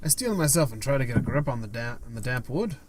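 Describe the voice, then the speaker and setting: A man reading a story game's text aloud, expressive, with quick asides to viewers. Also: medium pitch, noisy background. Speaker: gaming YouTuber.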